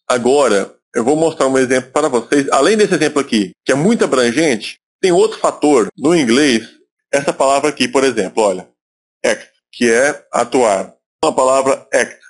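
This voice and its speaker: A man's voice: medium pitch, husky. A man from Brazil teaching English in a recorded video lesson, explaining step by step and repeating words for emphasis.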